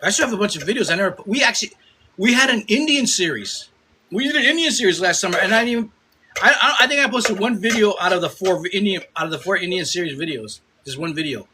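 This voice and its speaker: This man in his fifties, a food creator streaming live by phone from home in Chicago, talks quickly in a high-pitched, expressive voice against a noisy background. He chats casually, rambling, repeating himself and cursing as he reads comments.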